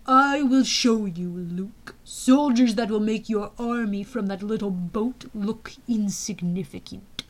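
A woman voicing a cold, scheming male villain general who speaks slowly and loudly. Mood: menacing. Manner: slow, booming, menacing delivery.

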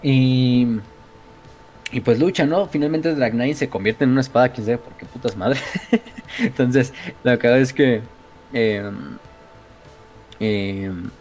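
A Mexican-accented man tells a long, epic story to his viewers, swearing freely and piling on fillers as he gets excited. His voice sits at an ordinary middle pitch, and faint music plays underneath. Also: slow pace, pauses often. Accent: Mexican Spanish. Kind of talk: casual retelling of game lore.

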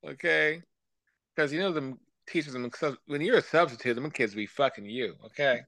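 A man co-hosting a podcast, recapping reality TV in casual gossip chat, loud, profane and joking. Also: mid-range voice, normal speed, no room sound. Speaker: podcast co-host.

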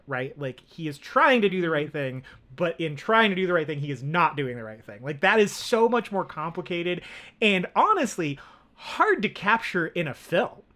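A man's voice: a little high, pushed and bright. A man co-hosting a film podcast, talking casually with lots of fillers and restarts. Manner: rambling, many fillers and restarts. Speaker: podcast co-host.

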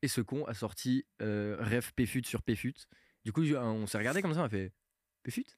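A young man from Switzerland hosts a casual podcast, relaxed and joking, his voice often dropping low as he trails off. The sound is dry and close, with no room echo. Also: brisk. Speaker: podcast host.

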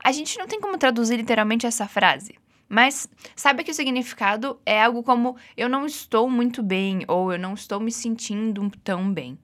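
In a guided language lesson, a woman with a Brazilian Portuguese accent teaches English phrases, drilling repetitions with patience and encouragement. Her voice sits on the high side, sounds a bit bright, and moves briskly.

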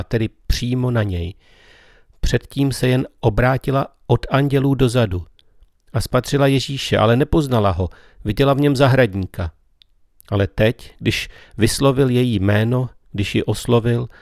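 A man gives a slow, meditative spiritual talk as a preacher. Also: mid-range voice, darkish tone, no echo, studio quality.

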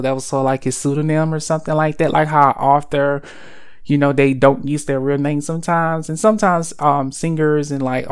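A man with a smooth, clean-sounding voice hosts a relaxed monologue. He wanders from point to point, leaning on ums and likes and stopping to correct himself. His pitch sits in an ordinary middle range. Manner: rambling, full of fillers and self-corrections. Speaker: host of a cereal and cartoon segment. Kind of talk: casual rambling monologue.

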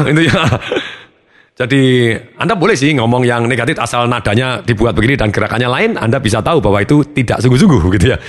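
Emphatic man, motivational talk, hall reverb. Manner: emphatic, animated, swings pitch for emphasis. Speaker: motivational speaker. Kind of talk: motivational audio lesson.

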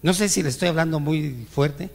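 High-voiced male pastor in reverberant hall. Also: normal speed, vocal fry. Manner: preaches with rhetorical questions to the congregation; acts out whiny complaints to God. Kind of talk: sermon. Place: church.

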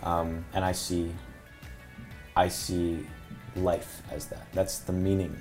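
Man, very deep voice, musician guest, casual musing podcast talk, faint music behind. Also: little pitch movement, slow pace, darkish tone. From Mexico. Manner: reflective, filler-heavy, musing.

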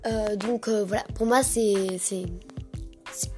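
A woman's voice: mid-range voice, fairly even intonation, takes it slowly, warm tone, soft background music. A young woman hosting a casual gardening podcast, talking with many fillers and restarts. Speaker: podcast host.

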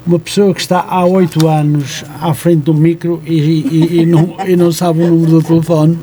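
A man's voice: a little high, level tone, moderate pace, warm tone. A man with a European Portuguese accent hosting a live radio call-in interview, courteous and conversational. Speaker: radio host. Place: radio studio. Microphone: studio microphone.

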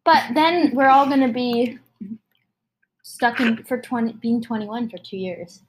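A woman's voice: a little high, unhurried, breathy edge. A woman in her twenties co-hosting a radio show in casual chat, giggly and rambling, often correcting herself mid-sentence.

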